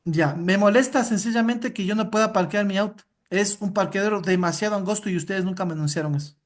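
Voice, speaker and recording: A woman's voice: mid-range voice, quick pace, natural voice. A woman playing an angry, demanding male home buyer in a role-play over a video call, insisting and complaining.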